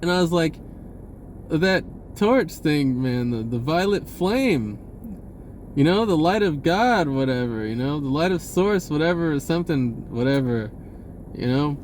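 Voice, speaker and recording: A fairly high-pitched, animated American man speaks unhurriedly in a darkish tone, with a little hiss or hum on the recording. A vlogger who shares spiritual self-help advice, he tells personal stories off the cuff in a rambling, slangy way, often cutting himself off mid-thought.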